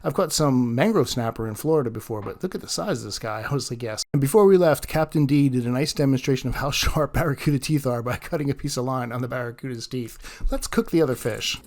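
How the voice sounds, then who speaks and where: A man hosts his own fishing travel vlog, talking to the camera at a medium pitch. He is chatty and easygoing, and often breaks into short laughs between phrases. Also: quick pace, darkish tone. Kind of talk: casual vlog narration.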